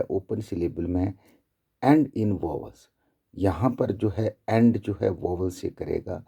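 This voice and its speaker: Slow, deep-voiced man teaching. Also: gravelly, warm tone, breathy edge. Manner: slow, deliberate explaining with repeated examples. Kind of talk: classroom lecture.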